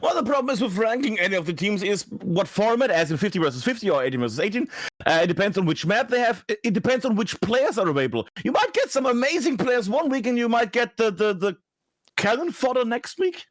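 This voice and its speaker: Lively high-voiced man from Germany. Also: quick pace, dry recording. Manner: blunt, swears casually, many restarts. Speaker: podcast guest, game broadcaster. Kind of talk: casual podcast chat.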